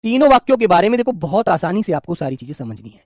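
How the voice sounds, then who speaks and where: A man teaching Hindi grammar in an online exam-prep lesson, affectionate and reassuring, and sometimes dictating slowly word by word as he writes. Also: high voice, big pitch swings, darkish tone, no room sound, studio quality. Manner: affectionate and reassuring, keeps calling students "dear children".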